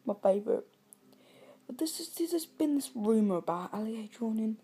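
A woman records a casual vlog on her phone, her voice mellow and soft-edged. She rambles from one thing to the next, stops herself partway through sentences and apologizes a lot. The phone video gives it a homemade, offhand feel. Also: fairly high pitch, animated, slightly rough. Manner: rambling, self-interrupting, quick to apologize. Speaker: vlogger. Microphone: phone camera.

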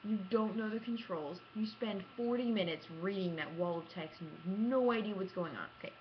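Speaking a little fast at a medium pitch, a young adult gaming vlogger tells lively, casual stories to camera, theatrical and self-mocking. A computer webcam at arm's length picks her up indoors in a small home room, so the sound is dull, lo-fi and clearly noisy.

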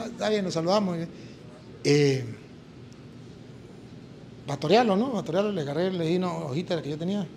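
Animated Latin American priest telling a story. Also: male voice, high-pitched, creaky. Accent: Latin American Spanish. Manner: animated, acts out dialogue in story. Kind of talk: sermon with storytelling.

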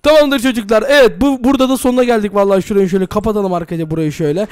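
A man hosting a Minecraft role-play video, energetic and constantly addressing viewers. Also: sits high, rapid-fire, smooth, no room sound, clean studio sound. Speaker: host.

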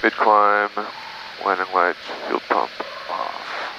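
A man flying a small plane, talking through his cockpit headset intercom in calm, clipped radio phrasing. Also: deep voice, slow. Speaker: private pilot. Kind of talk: flying vlog with radio calls and checklists. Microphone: aviation headset. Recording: muffled intercom with engine noise.

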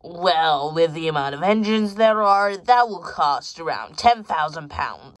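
A woman voicing a scheming male toy dealer who talks in a hushed, businesslike way. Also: low voice, lively intonation, a little slow, dry recording.

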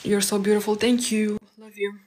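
A woman's voice: mid-range voice, flat delivery, moderate pace, darkish tone, a little hiss or hum. Young Moldovan woman chatting on a phone stream. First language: Romanian. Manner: reads viewer comments aloud and answers them, friendly and chatty. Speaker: live streamer. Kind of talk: casual live-stream chat reading comments aloud. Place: small indoor room at home. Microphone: phone held close at arm's length.

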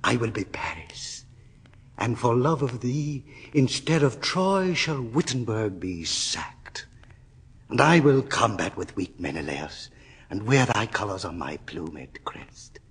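A doomed scholar in torment, as an actor plays him, delivered with the sweep of classical stage drama. His voice is husky and swings widely in pitch, dropping to hushed whispers and rising to anguished cries. The words come slowly and linger in a long hall reverb. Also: big pitch swings, heavily acted. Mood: enraptured.

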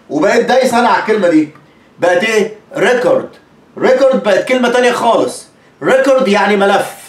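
A man's voice: sits high, roomy sound. A man from Egypt with an Egyptian Arabic accent, teaching English pronunciation in a chatty, repetitive way and acting out examples. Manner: chatty, repeats words, acts out examples. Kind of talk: casual spoken lesson.

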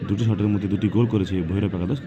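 Male football commentator, low register, short repetitive announcing phrases, live outdoors with clear crowd and background noise. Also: fairly even intonation, racing, dull audio. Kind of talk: live penalty shootout commentary.

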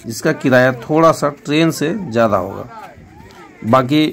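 A man's voice: mid-range voice, lively intonation, normal speed, vocal fry, fairly bright tone. A man, a travel vlogger, narrating a voice-over with travel tips for his viewers. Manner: informative, gives tips to viewers.

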